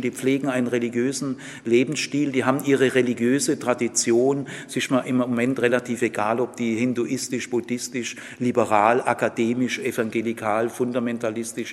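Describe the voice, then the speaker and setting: A male preacher delivering a sermon, tagging his sentences with "gell" and moving from hushed asides to loud emphasis. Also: mid-range voice. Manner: tags sentences with "gell", shifts from quiet and intimate to loud and emphatic. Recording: long reverb in a large hall.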